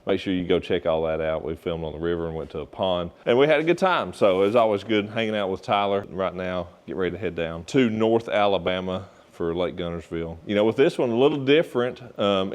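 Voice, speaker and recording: Low-voiced man vlogging casually. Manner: relaxed, joking, folksy. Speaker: professional bass angler, vlog host. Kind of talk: casual vlog narration.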